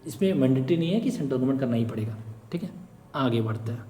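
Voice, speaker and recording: A man's voice: medium pitch, lively intonation, fast talker, dark tone. Echoey man tutoring in casual lecture. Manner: explains with repeated checks and everyday examples. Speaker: exam tutor. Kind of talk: informal screen-share lecture. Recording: echoey room with long reverb.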